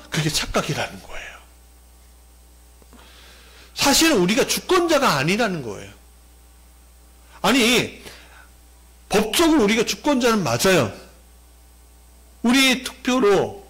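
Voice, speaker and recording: A man's voice: high voice, a bit bright. A male pastor giving a sermon, explaining step by step and putting questions to the congregation.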